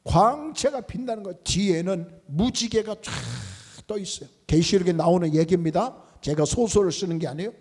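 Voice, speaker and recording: A man's voice: high voice, expressive, moderate pace, darkish tone, slightly rough. A male pastor preaching a sermon with emphasis, often repeating his key words. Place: large church sanctuary. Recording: long church reverb.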